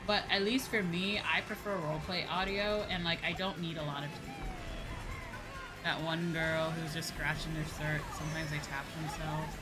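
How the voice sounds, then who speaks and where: Video game music plays as a woman streamer and VTuber host chats casually with viewers mid-game, rambling, repeating herself and swearing freely. Her voice sits low with fairly even intonation at normal speed, and the audio is poor.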